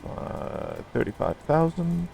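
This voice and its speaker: A man's voice: a little high, very animated, takes it slowly, creaky, a little mellow, a little hiss or hum. A man giving casual running commentary on a simulated flight, thinking aloud in short fragments.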